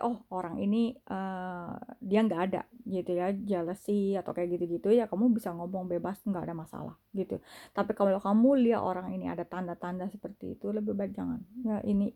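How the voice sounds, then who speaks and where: Mellow-voiced chatty woman giving spiritual advice. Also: medium pitch, creaky. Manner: chatty, repeats filler tags, mixes in English words. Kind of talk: casual spiritual advice talk.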